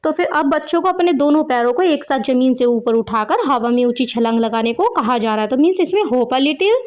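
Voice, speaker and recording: High-voiced woman teaching a children's rhyme. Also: expressive, a little fast. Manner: explains in Hindi mixed with English words, asks herself questions. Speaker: English teacher for young children.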